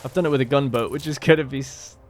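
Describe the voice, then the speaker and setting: A man's voice: mid-range voice, fast, faint music behind. Casual man narrating his strategy game. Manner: casual, thinking aloud while playing. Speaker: let's play host. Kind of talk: gameplay commentary.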